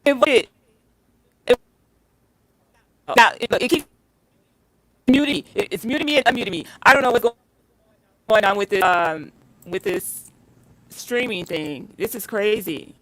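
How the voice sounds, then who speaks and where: A woman chatting casually on a live stream through a choppy, glitchy online call, flustered and halting. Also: medium pitch, fairly bright tone, no echo, rough recording. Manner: flustered, talks in halting restarts. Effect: choppy, glitchy online call connection. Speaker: co-host. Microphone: online call from a computer.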